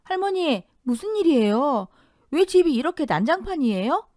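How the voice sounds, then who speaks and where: A woman's voice: high-pitched, big pitch swings, moderate pace, warm tone, no echo, clean studio sound, pitched above the performer's own voice. A woman voicing a defiant teenage girl. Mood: shocked. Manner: pleading, defiant. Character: teenage granddaughter, outspoken and tearful. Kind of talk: audio drama reading.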